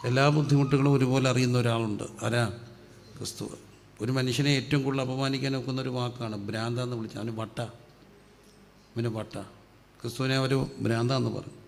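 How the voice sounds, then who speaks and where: A man from preaches, his voice gravelly and held in a flat, narrow pitch. He asks questions and answers them himself, bringing his voice down on each answer. The sound carries a long hall reverb over faint background noise. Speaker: pastor. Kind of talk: sermon.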